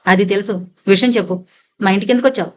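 A man's voice: high-pitched, fast, slight background noise, close to an everyday voice. A woman narrator voicing a cold, stern male criminal who speaks curtly in a thriller audio novel. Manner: stern, curt.

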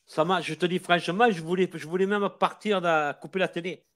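A man's voice: sits high, fairly even intonation, fairly quick. An older man from Marseille with a Marseille accent, a football supporter talking passionately and repeating himself in a casual chat.

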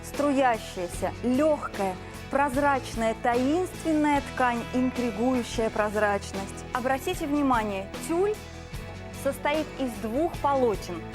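A woman with a high voice delivers an infomercial pitch over music. She presents like a TV shopping host, gushing and stretching out luxurious adjectives for emphasis. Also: expressive, slow pace. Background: background music.

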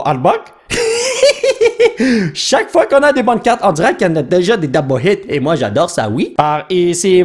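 A young man with a Quebec French accent who chats excitedly and casually while hosting a card-opening video. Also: high voice. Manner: excitable, chatty, slangy. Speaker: host.

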